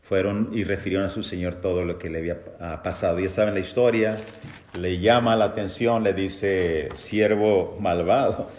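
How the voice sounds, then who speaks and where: A man's voice: deep voice, fairly even intonation, moderate pace, darkish tone. A man teaching a Bible study lesson, asking the class questions and reading scripture aloud. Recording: echoey room.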